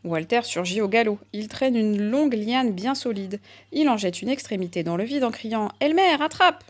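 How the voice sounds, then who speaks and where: A woman narrating a children's picture book aloud. Her reading is calm and even, at a steady storytelling pace. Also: mid-range voice, moderate pace.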